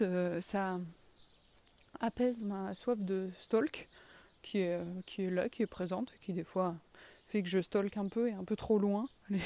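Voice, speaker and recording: A woman from the southwest of France talks on her own podcast with a strong regional accent and a mellow, warm tone. She walks around her garden as she talks, speaking candidly, running herself down and swearing now and then. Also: mid-range voice. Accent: southwest French. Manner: candid, self-deprecating, casual swearing. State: walking while talking. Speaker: podcast host. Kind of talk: casual solo podcast monologue. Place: outdoors in her garden, walking in circles.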